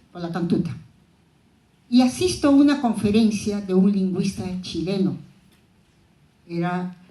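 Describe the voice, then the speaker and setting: A woman's voice: medium pitch, warm tone, reverberant, poor audio. A woman from southern Ayacucho in Peru, a native Quechua speaker, giving a reflective, anecdotal conference talk. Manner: reflective, anecdotal, with frequent restarts. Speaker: panelist.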